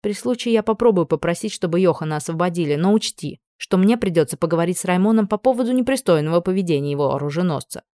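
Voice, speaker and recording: A woman's voice: lowish voice, lively intonation, quick pace, few pauses, mellow, no echo, clean studio sound, close to an everyday voice. A woman voicing a young noble lady who gives tired, stern commands in an audiobook. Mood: reproachful.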